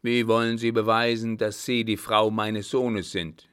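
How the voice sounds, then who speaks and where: A man's voice: on the low side, level tone, unhurried, a bit bright, smooth. A man doing a harsh, menacing old captain. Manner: hard, commanding, menacing. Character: harsh, threatening old sea captain, male.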